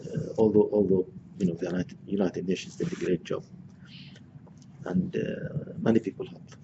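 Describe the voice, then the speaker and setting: A man in his sixties from Gaza gives a reflective personal lecture, speaking haltingly with many restarts and fillers. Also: low-pitched, steady tone, vocal fry, lo-fi sound, background noise. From Gaza, Palestine. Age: 60s.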